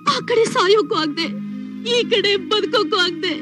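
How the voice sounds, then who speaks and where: A crying sorry mom, very high voice, music under it. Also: female voice, moderate pace. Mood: anguished. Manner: tearful, anguished pleading. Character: remorseful older mother begging forgiveness. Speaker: actress in a feature film. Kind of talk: film melodrama dialogue. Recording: film soundtrack with music underneath.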